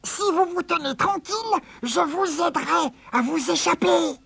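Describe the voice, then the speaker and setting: A man voicing a tiny timid male rat in a storybook tale, squeaking and pleading. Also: normal speed, creaky, pushed and bright, no echo, exaggerated voice. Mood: eager. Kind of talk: storybook character voice.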